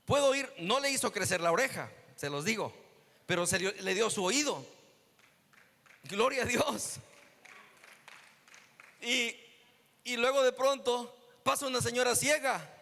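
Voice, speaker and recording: A man's voice: extremely high pitch, a little slow, long pauses, pushed and bright. A man preaching as a guest pastor, telling a healing story and acting out the dialogue. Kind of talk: sermon testimony. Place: church hall. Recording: echoey church hall.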